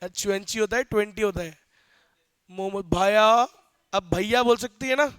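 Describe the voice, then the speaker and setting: A young male teacher lecturing a class in an animated, joking way, often quizzing students, with phrases. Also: sits high, moderate pace, smooth, dry recording. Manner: animated, asks students questions, jokes.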